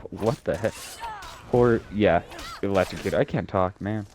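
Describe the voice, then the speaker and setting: A man's voice: deep voice, a little slow, background noise. A young man reading a horror story aloud with friends, stumbling over words and breaking into laughter and jokes. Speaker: co-host reading a creepypasta aloud. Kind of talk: casual group reading of a story.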